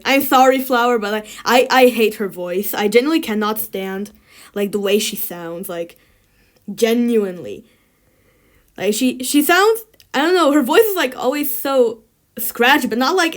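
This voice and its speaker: A woman ranking things in a tier list, chatting casually and giving blunt opinions with lots of filler words. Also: a little high. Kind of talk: casual chat.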